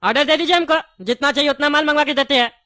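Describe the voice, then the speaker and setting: A talkative candy-shop owner who argues and laughs easily, played by a woman in a high, bright voice. The delivery is a light comedy-skit performance. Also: fast talker, no room sound, clean studio sound. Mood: chatty. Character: chatty male shopkeeper selling cheap candy. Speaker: comic skit actor.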